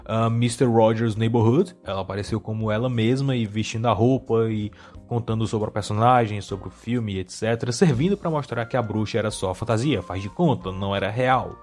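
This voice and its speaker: Brazilian male host, medium pitch, casual humorous commentary, wry rambling asides, light music behind. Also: fairly even intonation, brisk, darkish tone. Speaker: video essay host.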